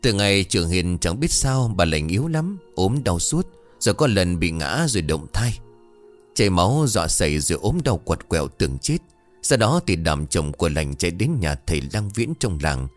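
A man narrating a ghost story in an expressive, dramatic reading style. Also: deep voice.

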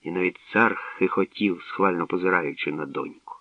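A man narrating a story in a measured, even storytelling manner. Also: sits low, no room sound. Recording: dull distant dry recording.

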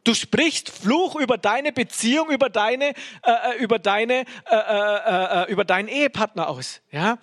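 A male preacher giving a casual, conversational sermon, often checking in with "ja?" and pausing on hesitations. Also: high voice, a bit bright. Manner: conversational, frequent "ja?" tag questions and hesitations.

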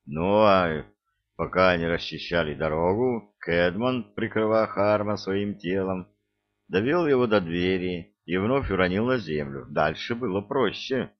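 A man's voice: low-pitched, expressive, unhurried. A man narrating an action novel as an audiobook, with wry, ironic asides to the listener. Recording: dull lo-fi recording.

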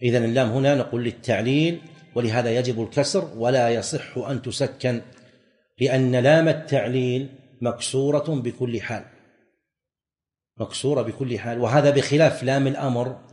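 A man teaching a religious lesson, explaining verses in a measured way and repeating his points. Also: medium pitch, steady tone, darkish tone. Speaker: Islamic scholar teaching. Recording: recorded lecture with long hall reverb.

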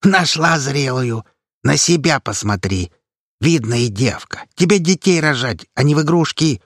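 A man's voice: mid-range voice, expressive, measured pace, no echo, studio quality, pitched above the performer's own voice. A man voicing a feisty, blunt old grandmother who scolds in folksy words. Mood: gruff scolding.

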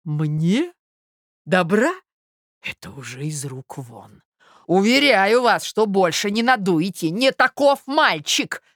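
A woman reading aloud and voicing an outraged young man who shouts in fury. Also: mid-range voice, sing-song, slow, no echo, clean studio sound, voice pushed up. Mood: furious. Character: furious young man, blustering and indignant.

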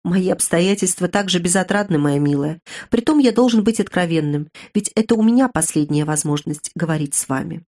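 A woman voicing a ruined young man in an audiobook, speaking in a measured, grave and resigned way. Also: lowish voice, lively intonation, dark tone. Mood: earnest. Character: young man, earnest, bitter, ruined suitor.

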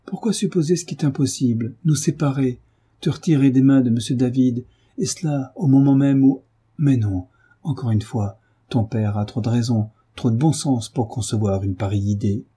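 A man reading an audiobook voices an anxious young mother pleading with her son, in a lifted, husky tone. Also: medium pitch, normal speed, warm tone, natural voice. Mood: alarmed pleading. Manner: pleading, alarmed.

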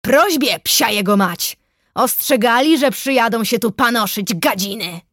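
A woman's voice: on the high side, very animated, measured pace, no echo. Woman voicing a bellowing giant forester. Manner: shouting, rough rustic speech. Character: huge bearded gruff male forester, hot-tempered. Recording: dry close studio sound.

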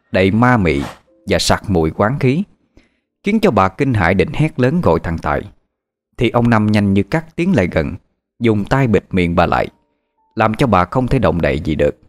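A man narrating a horror story in a dramatic, suspenseful way. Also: fairly low pitch.

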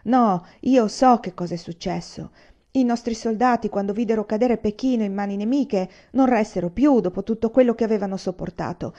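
An angry husband who hammers at his wife with insistent questions, as a woman reading a storybook gives him a raised voice. The tone is gravelly and mellow. The recording is a little dull and lo-fi. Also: mid-range voice, fairly quick, lightly acted. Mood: heated. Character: angry, accusing Chinese husband, adult man.

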